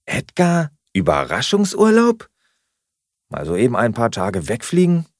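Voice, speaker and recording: A man voicing a skeptical, sharp-tongued woman flatmate who questions everything in a dry, doubting manner. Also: lowish voice, moderate pace, no room sound.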